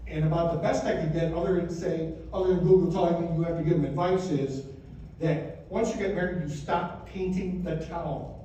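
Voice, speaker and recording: Heard from a distance in a very echoey room with clear background noise, an American man in his fifties or sixties gives a father of the bride speech. His delivery is conversational and joking, built like storytelling, with emphatic punchlines. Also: fairly high pitch, fairly even intonation, a little fast, mellow, muffled recording. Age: 50s or 60s. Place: wedding reception room. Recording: echoey room from far off, noisy.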